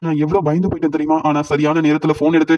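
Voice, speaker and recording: Man reading the lines of an apologetic pleading husband, fast and slightly high. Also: flat delivery, dark tone, close to an everyday voice. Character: repentant middle-aged husband, weak after illness. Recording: dull lo-fi audio.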